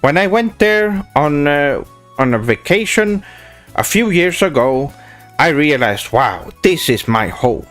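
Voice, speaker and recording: In a casual livestream, a Swedish man reads chat questions aloud and answers them in a grand, pompous weeaboo persona, working in Japanese words. His voice is a bit bright and on the high side, expressive and slow. He often stumbles into restarts with many "uh"s over soft background music.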